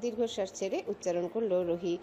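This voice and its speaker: A woman narrating a romantic audio story in a steady, expressive storytelling voice. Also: mid-range voice, fast talker, faint music behind.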